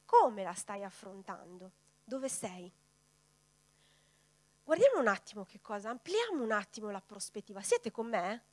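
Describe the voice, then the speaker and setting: A woman's voice: mid-range voice, big pitch swings, unhurried, long pauses, darkish tone, no room sound. A woman preacher delivering a sermon, putting rhetorical questions straight to her congregation.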